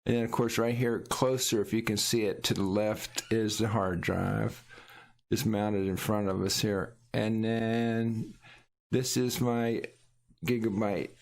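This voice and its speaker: A man's voice: fairly low pitch, level tone, creaky. A man hosting his own livestream, chatting casually. He rambles and halts, often restarting his sentences. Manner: rambling, halting, with frequent restarts. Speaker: Twitch streamer hosting a livestream.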